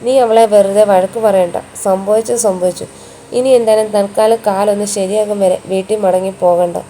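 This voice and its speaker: A woman's voice: medium pitch, steady tone, moderate pace, mellow, a little hiss or hum, lightly acted. A woman reading the part of a blunt male friend who lectures and scolds in a firm tone. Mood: reassuring.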